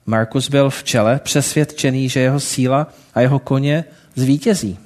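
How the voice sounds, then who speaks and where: A man's voice: medium pitch, steady tone, a little mellow. A man telling a moral story in a sermon, breaking off now and then for casual asides to his listeners.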